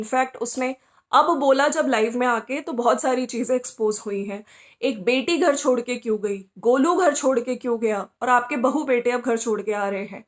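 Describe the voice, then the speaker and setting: A female podcast host with a fairly high-pitched voice comments on social media gossip. She scolds the people she discusses directly and fires rhetorical questions at them.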